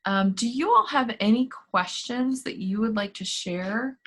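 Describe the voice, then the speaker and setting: A woman's voice: fairly high pitch, unhurried, fairly bright tone. A woman on staff hosting a virtual campus meeting in an upbeat, chatty, encouraging way over a video call. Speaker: student activities staff host. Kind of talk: casual virtual meeting talk.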